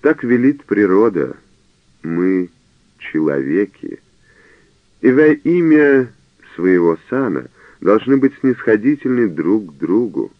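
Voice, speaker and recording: Man doing a scheming young priest, low and cold, radio reading, thin phone-like sound. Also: slow, dry recording. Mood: defiant. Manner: low, feigned calm, snapping back.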